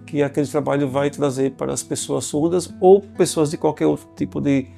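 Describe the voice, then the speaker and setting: A Brazilian man speaks earnestly in a gravelly, mellow voice, pitched a little high for a man. Faint guitar music plays underneath. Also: steady tone, a little fast. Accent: Brazilian Portuguese. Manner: earnest, with small stumbles.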